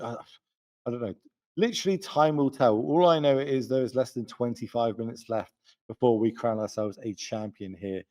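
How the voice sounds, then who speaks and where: A young man doing live commentary on a card game tournament. His voice sits at a middle pitch, chatty and full of joking asides. He sounds tired from a long late-night session. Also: darkish tone.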